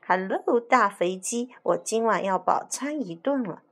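A woman voicing a greedy, slow-witted field mouse bandit in a children's story, gleeful and loud. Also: medium pitch, expressive. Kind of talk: storybook voice acting.

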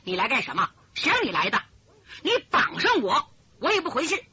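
A woman's voice: fairly high pitch, huge pitch swings, moderate pace, pushed and bright, husky, muffled recording, heavily acted. Woman doing a spoiled young swordsman. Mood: furious. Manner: petulant, swings from bluster to whining sobs. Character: spoiled hot-tempered young male swordsman. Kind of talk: traditional storytelling.

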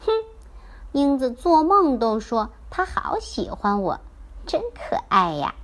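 A woman's voice: on the high side, very animated, slow. A woman voicing a smug, proud toy fox in a children's story. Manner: smug, self-satisfied.

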